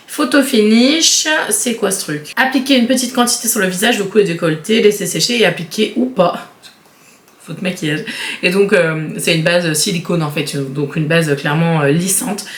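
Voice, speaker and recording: A woman beauty vlogger chatting casually through an unboxing, giggly and quick to laugh at herself. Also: fairly low pitch, reverberant. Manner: chatty, giggly, self-mocking.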